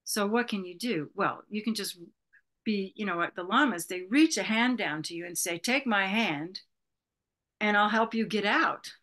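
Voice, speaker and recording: At a normal speed, this interview guest speaks in a mid-range voice that sounds pushed and bright. She is in her sixties, from Berkeley, California, leads Buddhist retreats, and reflects in casual, rambling conversation full of "you know."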